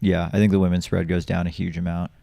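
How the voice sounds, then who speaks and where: A man with a low, gravelly voice and a dark, mellow tone chats loosely and jokes, sometimes breaking off mid-thought. The recording is close and dry. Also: flat delivery, fast, no room sound. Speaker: podcast co-host. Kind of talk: casual chat.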